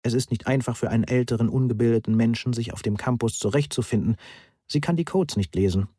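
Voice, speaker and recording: A man voicing a socially odd, literal-minded student in an audiobook, pedantic and deadpan. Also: medium pitch, quick pace, husky, no echo, clean studio sound, natural voice. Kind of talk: audiobook character voice.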